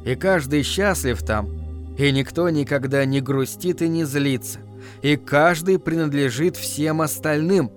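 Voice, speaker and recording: Guy reading an audiobook, kinda high voice, calm short phrases, faint music under it. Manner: measured storytelling in short phrases. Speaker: audiobook narrator. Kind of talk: scripted literary narration. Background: faint background music.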